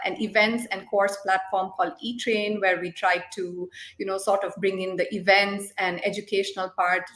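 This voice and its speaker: A woman's voice: medium pitch, a bit bright, reverberant. A young woman from Nepal, a startup co-founder, answering interview questions at length on a video call, with many fillers as she explains.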